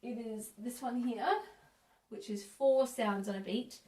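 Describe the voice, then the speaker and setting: A woman teaching a music lesson for young children, counting in and praising warmly. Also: fairly high pitch, fairly even intonation, measured pace. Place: room at home. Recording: echoey room, a bit distant.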